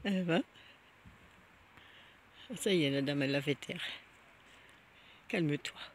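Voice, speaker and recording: A woman's voice: low voice, slow. A woman chatting casually as she walks outdoors and films with a handheld camera, exclaiming at what she sees and sweetly coaxing a dog. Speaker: nature vlogger. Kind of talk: casual walking commentary. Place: outdoors, walking through a small village. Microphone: handheld camera she films and zooms with. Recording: outdoor noise with a dog barking. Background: dog barking, outdoor ambience.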